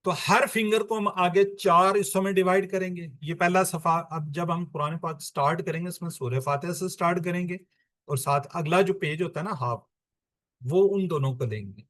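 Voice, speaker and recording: A man teaches a Quran lesson. His voice sits fairly high. He explains step by step and poses questions he answers himself. The recording is dry and close. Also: a bit bright, dry recording. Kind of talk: classroom-style lesson explanation.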